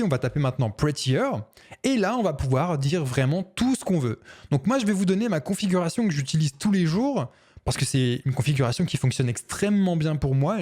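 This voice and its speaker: A man's voice: fairly high pitch, darkish tone. A man hosting a screen-recorded coding tutorial, chatty and self-correcting, with fillers and little laughs.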